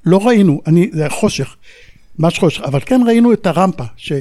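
A man in his seventies, a war veteran recounting his memories in an interview, acting out the radio calls as he goes. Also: high-pitched. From Israel. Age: 70s. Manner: animated storyteller who acts out radio calls.

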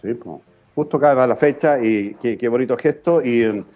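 Chilean male host, medium-pitched and courteous. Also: normal speed, muffled recording. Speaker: radio host. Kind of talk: conversational political commentary.

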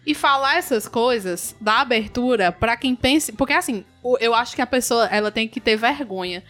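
A woman with a slightly high voice speaks bluntly and emphatically in a casual podcast chat. Faint music sits under her words. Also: lively intonation, moderate pace, fairly bright tone. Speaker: podcast co-host.

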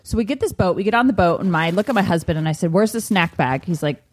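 A woman's voice: on the low side, fast, husky. A woman in her thirties co-hosting a casual chat show, telling stories with acted-out quotes. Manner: animated storyteller, acts out quotes. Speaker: podcast co-host.

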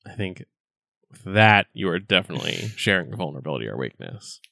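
A man's voice: low-pitched, big pitch swings, quick pace, creaky, sharp tone, no echo, studio quality. A man narrating as game master of a tabletop game, rambling with fillers.

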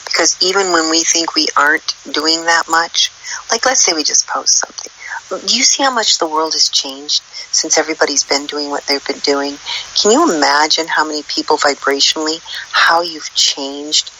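A woman's voice: sits low, moderate pace, pushed and bright, slight background noise, rough recording. A woman guest in a casual spiritual chat, telling a story in an earnest, rambling way.

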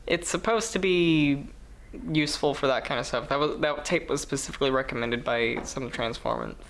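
A woman's voice: rumbling low, normal speed. A woman co-hosting a podcast in casual chat, laid-back, swearing casually and laughing, recorded in a small apartment. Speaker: podcast co-host.

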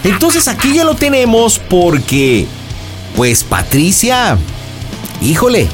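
A man with a Mexican accent hosting a radio prank show, coaching callers in a lively, laughing, slangy way. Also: high voice, slow pace, soft background music. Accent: Mexican Spanish.

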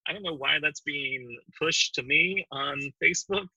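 A man co-hosting a comedy podcast, riffing in a deadpan, mock-promotional way. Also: on the high side, moderate pace, husky, no room sound, low-quality recording. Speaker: podcast co-host.

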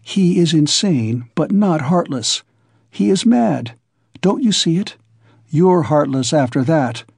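A man's voice: on the high side, expressive, slow pace, vocal fry, a little mellow, slightly rough, no echo, clean studio sound, exaggerated voice. A man voicing an anxious, earnest young friend. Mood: urgent.

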